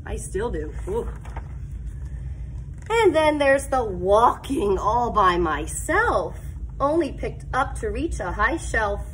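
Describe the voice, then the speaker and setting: A middle-aged kindergarten teacher reads a picture book aloud indoors in a school classroom, adding asides to the children. Her slightly high voice is animated and deliberate, stretching words out for the young listeners. The recording is rough, with slight background noise.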